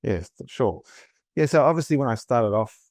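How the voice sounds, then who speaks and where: A man in his late thirties or forties with an Australian accent, a podcast guest talking in a friendly, steady coaching tone. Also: mid-range voice, moderate pace, dry recording. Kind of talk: podcast interview.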